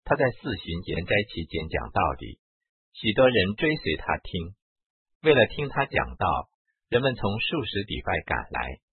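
A man with a deep, very husky and breathy voice reads a spiritual memoir aloud in a measured first-person manner, his pitch rising and falling widely. The sound is dry and tinny, as if through a narrow-band line. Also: huge pitch swings, no room sound. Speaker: reader.

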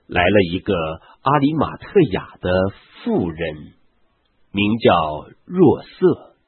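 A man reads a Bible passage in a husky, low voice. His pitch rises and falls widely while his pace stays unhurried. The sound is dry and narrow, like a phone line. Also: no echo. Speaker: scripture reader.

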